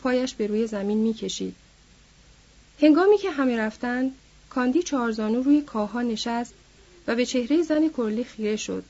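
A woman narrating an audiobook in a steady, even reading voice. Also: a little high. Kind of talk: scripted narration. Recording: dull lo-fi recording.

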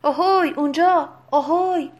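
An enraged, commanding gentleman bellows orders and threats across the harbor, as a woman puts him on. The voice is raised well above a normal speaking pitch. It is read as part of a storybook. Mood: furious shouting. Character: angry commanding gentleman shouting from a quay. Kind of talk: audiobook character reading.

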